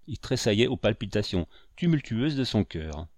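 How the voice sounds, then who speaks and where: A man reading a classic adventure novel aloud in measured, even narration. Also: fairly low pitch, dry recording. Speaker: audiobook narrator. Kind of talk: literary audiobook narration.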